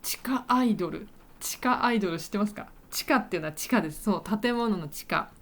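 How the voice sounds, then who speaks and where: A woman teaching through storytelling, speaking at a middle pitch that rises and falls with lively expression. She pauses often to define and repeat words, talking slowly and carefully for learners of the language. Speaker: Japanese teacher podcaster.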